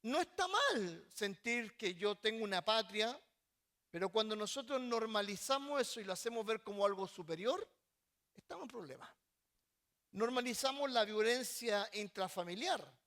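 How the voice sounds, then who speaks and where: A man pastor preaching a sermon, often repeating words and pausing mid-sentence before stressing his points. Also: high-pitched, lively intonation, fairly bright tone. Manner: halting, repeats words while searching, then stresses points.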